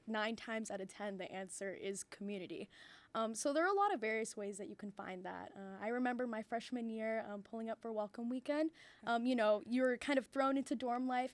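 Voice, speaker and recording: A woman's voice: a little high, dry recording. A college student in her twenties from Hawaii, a woman speaking on a panel in a chatty way full of fillers. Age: 20s. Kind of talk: casual panel talk.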